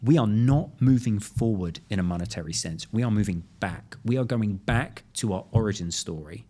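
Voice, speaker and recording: A man with a London accent, a guest in a podcast interview who tells stories in an animated way. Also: lowish voice, normal speed. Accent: London English. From London, England. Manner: animated storyteller, acts out quoted voices. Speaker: guest, crypto lawyer.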